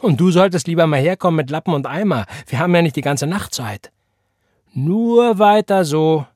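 A man's voice: mid-range voice, very animated, moderate pace, darkish tone, husky, dry recording, studio quality. A man doing a big teasing teenage boy. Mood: mock scolding. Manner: teasing mock threats, raised voice. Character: older teenage boy, strong, mocking and bossy.

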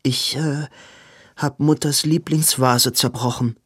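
A man voicing a hurried, flustered young woman, the hero's sister. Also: extremely low pitch, steady tone, husky, no echo, clean studio sound, voice pushed up, exaggerated voice. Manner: breathless, hurried pleading.

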